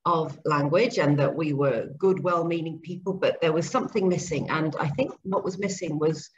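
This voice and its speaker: A woman's voice: sits low, moderate pace. A middle-aged woman, a speech and language therapist, talking earnestly at length as a guest on a video-call interview from her home kitchen. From grew up in Zambia and Papua New Guinea. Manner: chatty, earnest, explains at length. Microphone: laptop webcam mic on video call. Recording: dull lo-fi call audio, faint noise.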